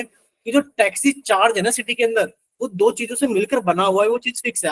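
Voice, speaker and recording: A man with a high voice teaches a live online math lesson. He works through the problem step by step and keeps stopping to ask the students whether it is clear. It sounds like a video-call class. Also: fairly bright tone, rough recording.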